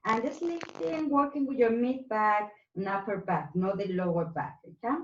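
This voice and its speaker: A woman's voice: fairly high pitch, moderate pace, a little hiss or hum. A woman instructing a live Pilates class, counting breaths and movements aloud in short, spaced cues. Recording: roomy echo, distant mic, slightly dull sound.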